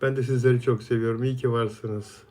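On a relaxed live stream, a man reads out viewer comments one by one and replies to each person by name in a warm, chatty way. His voice is mid-pitched with a darkish quality, and he keeps an even tone while talking fairly quickly.

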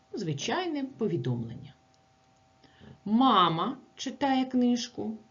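A woman teacher works through grammar by asking short questions and answering them herself. She speaks slowly, and her pitch swings widely from word to word. The recording is muffled and lo-fi. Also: warm tone.

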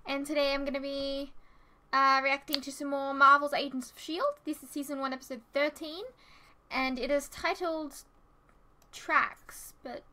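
A woman's voice: high-pitched, bright, forceful tone. A woman hosting a reaction video, chatting casually and laughing easily.

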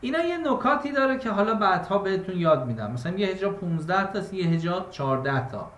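A male teacher giving an online exam-prep class on poetic meter. He explains step by step, talks straight to his students in a casual way, and chants verses slowly. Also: high-pitched, very animated, a bit bright. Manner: addresses students directly and casually. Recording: echoey room.

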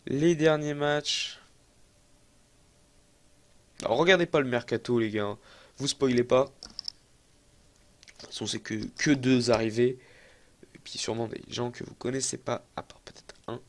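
Excitable young Frenchman commenting on his game. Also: mid-range voice, normal speed, pauses often. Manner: chatty, excitable, self-mocking, thinks aloud. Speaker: gaming YouTuber. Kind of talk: casual let's-play commentary.

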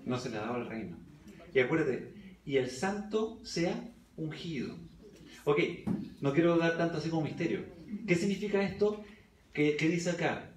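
A man's voice: a little high, darkish tone. A man preaching a Bible study sermon in church, reading scripture aloud and questioning the congregation. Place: church hall. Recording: echoey church recording from a distance.

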